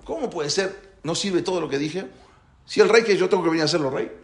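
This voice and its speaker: A man teaching a religious class, talking in an animated way and asking rhetorical questions. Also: fairly high pitch, fast. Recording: roomy echo.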